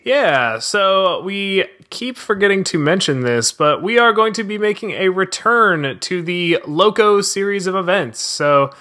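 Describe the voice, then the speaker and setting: A man's voice: sits high, animated, measured pace, few pauses, bright, forceful tone. A man hosting a podcast, talking in a conversational presenter's style. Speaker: podcast host, social media strategist. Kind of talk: podcast talk on marketing.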